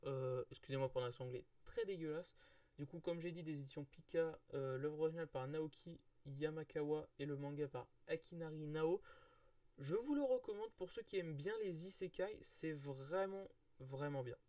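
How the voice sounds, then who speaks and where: Young-sounding man, fairly high voice, dry close mic; rambling casual reviewer full of fillers. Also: moderate pace, warm tone, no echo. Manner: rambling, many fillers and restarts. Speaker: manga reviewer.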